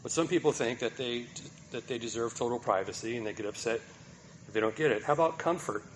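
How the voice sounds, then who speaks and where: A man's voice: medium pitch, quick pace, a little hiss or hum. Man preaching with rhetorical questions. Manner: rhetorical questions, emphatic, tag "right?". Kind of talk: sermon.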